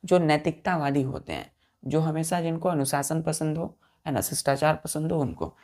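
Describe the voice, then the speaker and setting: This woman teacher's voice sits low and sounds warm, moving at a moderate pace through a vocabulary lesson. She spells out words letter by letter, counts the letters aloud, and asks the class repeated questions.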